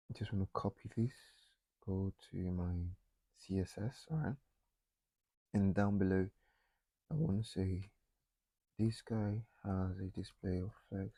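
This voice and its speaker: A man talking himself through a coding tutorial, thinking aloud with frequent pauses and fillers. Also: fairly low pitch, creaky, warm tone, no echo, low-quality recording. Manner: thinking aloud, many ums and restarts. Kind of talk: casual screen-recorded coding walkthrough.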